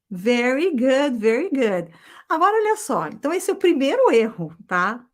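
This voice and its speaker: This is a middle-aged woman, giving a live online English lesson. Her voice sits a touch high, and she keeps the pace lively and chatty. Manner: lively, chatty, often adds "tá?". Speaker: English teacher.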